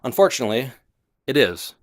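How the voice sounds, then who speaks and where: A man hosting a podcast, delivering an emphatic, declamatory political commentary monologue with dramatic pauses. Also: medium pitch, very animated, dry recording, studio quality. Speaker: podcast host.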